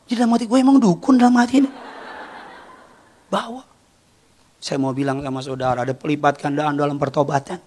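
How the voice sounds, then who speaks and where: A man preaching a sermon in a church hall, animated storytelling that often rises to shouts. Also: a little high, fairly quick, long pauses, slight background noise. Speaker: pastor.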